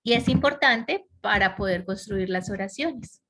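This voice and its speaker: Slow-paced woman teaching grammar online. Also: mid-range voice, fairly bright tone. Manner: explains step by step, checks understanding with frequent questions. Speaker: English teacher.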